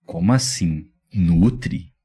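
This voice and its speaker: A man's voice: deep voice, slow, breathy edge. A young adult man from Rio de Janeiro with a Carioca accent, a youth pastor telling his story in a casual interview, full of slang and acted-out quotes. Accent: Carioca Portuguese. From Rio de Janeiro, Brazil. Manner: animated storyteller, slangy, acts out quoted voices. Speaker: youth pastor, podcast guest.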